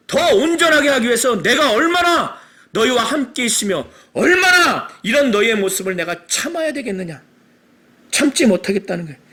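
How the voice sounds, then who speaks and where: A man's voice: extremely high pitch, sharp tone. A middle-aged male pastor preaching a sermon with passion, acting out the quoted voices of the people in the story. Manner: impassioned, acts out Jesus and the father in quoted lines.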